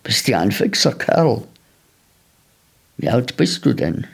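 A man voicing a kindly, curious older man in a storybook reading, gentle and coaxing with many questions. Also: medium pitch, very animated, slow, vocal fry, slightly rough, full character voice.

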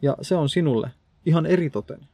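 A blunt, defiant house cleaner voiced by a male narrator in a storybook reading, with a gravelly, dark tone. The lines come scolding and stubborn, recorded dry and close. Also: a little high, no echo, pitched above the performer's own voice. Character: stern, gruff house cleaner with a mop, defiant.

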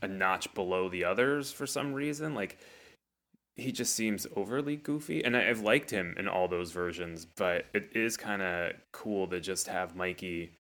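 A man guesting on a casual podcast, talking in a relaxed, easygoing way. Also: deep voice, moderate pace.

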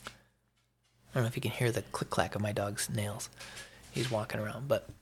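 With a lowish, gravelly voice full of fry and fairly even intonation, an American man hosts a solo opinion podcast; a slight hiss or hum sits in the audio. He talks haltingly and unscripted, repeating phrases to drive his opinions home.

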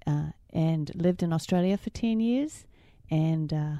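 Low-voiced New Zealand woman, mellow. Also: unhurried, no room sound. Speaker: co-host. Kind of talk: casual chat.

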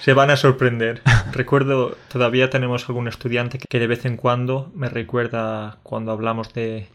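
A man's voice: mid-range voice, flat delivery, normal speed. A man from Spain with a Spanish accent, co-hosting a casual podcast for Spanish learners, joking and laughing a lot and checking in with "¿sí?". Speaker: podcast co-host and Spanish teacher.

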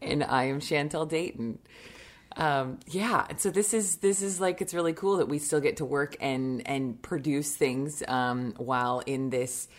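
A woman's voice: deep voice, measured pace. A young woman co-hosting a casual podcast, chatty and full of fillers, with a groggy morning voice. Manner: chatty, laughing often, many fillers. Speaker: podcast co-host. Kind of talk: casual chat.

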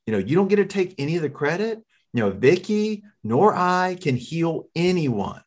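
A man telling a healing testimony in an earnest, conversational way, often repeating words as he starts. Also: a little high. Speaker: minister sharing a testimony.

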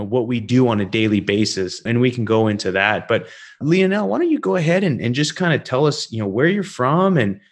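A man hosting an interview, rambling through his questions with many fillers. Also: on the low side. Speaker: interview host. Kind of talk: casual interview.

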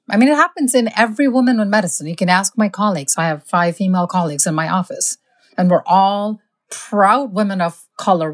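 A woman physician telling workplace anecdotes in casual conversation, emphatic and indignant. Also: mid-range voice. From born in India, raised in the US. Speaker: physician guest.

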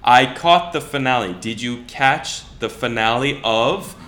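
A man teaching English phrases in a casual bilingual lesson, modeling each phrase slowly and carefully. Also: medium pitch, fairly bright tone.

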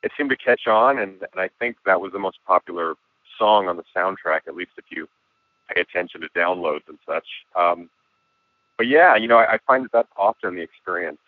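A man with a hoarse voice, a guest musician and filmmaker talking reflectively in a casual interview. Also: low-pitched, lively intonation, fairly quick, no echo. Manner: reflective, with frequent restarts and laughs. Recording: tinny phone-like line.

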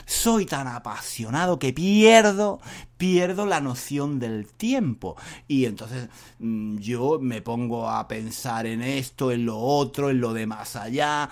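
A middle-aged man with a Spain Spanish accent, a Spanish teacher hosting a podcast, who talks fast, rambles and makes fun of himself in a lively, jokey way. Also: medium pitch. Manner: rambling and self-mocking, fast talking. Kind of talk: casual podcast monologue for learners.

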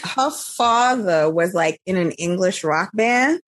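A woman's voice: lowish voice, lively intonation, takes it slowly, dry recording. A woman with a Brooklyn accent, chatting casually and emphatically about pop culture, often checking in with "you know". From Brooklyn, New York, USA. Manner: emphatic, sweary storytelling with frequent "you know".

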